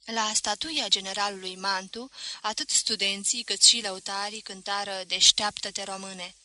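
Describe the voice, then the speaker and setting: A woman narrating a literary novel in a steady, expressive storytelling manner. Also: mid-range voice, no room sound, rough recording. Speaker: audiobook reader.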